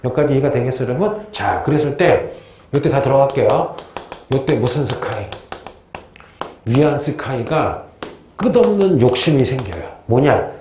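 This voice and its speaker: A man's voice: mid-range voice, lively intonation, normal speed, dark tone, slight background noise. A male history teacher giving a casual classroom lecture, chatty and joking, with funny asides before he gets into the lesson. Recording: roomy echo.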